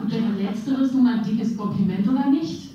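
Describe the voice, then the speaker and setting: A woman in her forties reading her own humorous first-person column with a wry, deadpan delivery, in a dull, echoey, distant recording. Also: fairly high pitch, normal speed, noisy background. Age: 40s. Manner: wry, deadpan storytelling with playful voicing.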